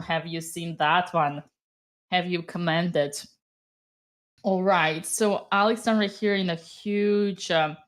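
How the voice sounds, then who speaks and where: A woman with a Romanian accent giving live chess commentary to her chat, excitable and cheering at good moves. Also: fairly low pitch.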